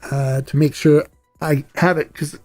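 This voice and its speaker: A man's voice: a little high, level tone, unhurried, darkish tone, soft background music. A man hosting a podcast, chatting in a rambling, enthusiastic and playful way. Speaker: podcast host. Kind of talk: casual chat.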